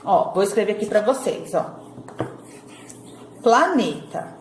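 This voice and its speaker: A woman teaching a recorded lesson to young children, sounding out syllables slowly and checking in often. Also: mid-range voice, big pitch swings, a little hiss or hum. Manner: slow syllable-by-syllable drilling, frequent "tá bom?" checks. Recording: echoey room with faint ambience.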